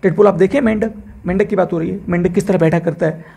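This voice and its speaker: Male teacher, exam-prep biology lecture; fast, husky, raspy delivery, repeats terms and quizzes the class rhetorically. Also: high voice, fairly even intonation, warm tone.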